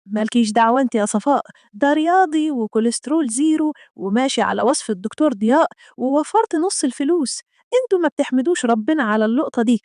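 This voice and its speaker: A woman's voice: high voice, animated, fast, a little mellow, no room sound, clean studio sound. A woman voicing a proud, stubborn middle-aged father who talks boastfully, with an Egyptian accent. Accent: Egyptian Arabic. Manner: boastful, defensive.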